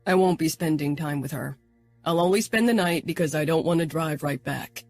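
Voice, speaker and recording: A woman's voice: deep voice, normal speed, darkish tone, no room sound, faint music behind. A woman voicing a stern, guarded young man who talks in a matter-of-fact way. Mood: firm.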